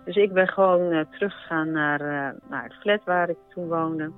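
A woman telling a personal story in a halting, reflective way. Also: low voice, clean tone. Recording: phone-like line with faint music.

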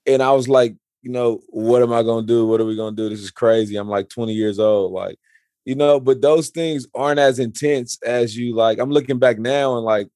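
Here a man in his 40s talks in a casual, halting way, frequently repeating words and starting sentences over. He has a warm, medium-pitched voice, and the studio recording is clean with no echo.

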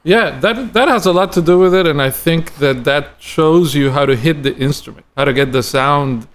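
A man from Costa Rica, a guest drummer and educator, talking in a thoughtful, halting way with many restarts in a casual podcast conversation. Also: a little high.

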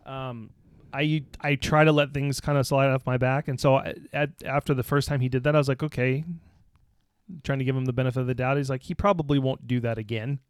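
A man with a smooth, clear voice of middle pitch tells stories in an easygoing way, with jokes and some swearing. The recording is close and dry, with no room sound. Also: little pitch movement, quick pace, no echo. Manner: easygoing storyteller, joking, profane. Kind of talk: casual podcast chat.

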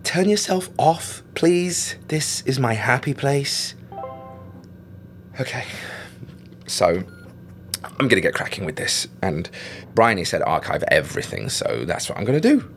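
An actor playing a chatty caretaker who talks to himself, with muttered and whispered asides. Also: male voice, medium pitch, very animated, unhurried, long pauses, a little hiss or hum. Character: chatty male caretaker archiving logs.

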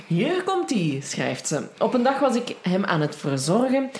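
A woman with a Flemish accent, a podcast co-host, reads a listener's email aloud in a lively way and laughs between sentences. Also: medium pitch, measured pace, echoey room.

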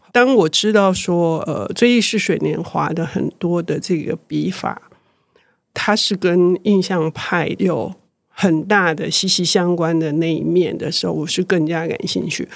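An older woman, a publisher, speaking as a guest in a reflective interview, thoughtful and growing lively when excited. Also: on the low side, measured pace, creaky, no echo.

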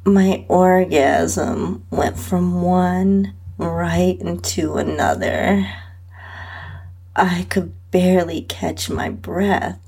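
A podcast host narrates her own intimate first-person erotic story in a fairly low, steady voice. Her delivery is slow, breathy and sensual, drawn out and laced with soft moans.

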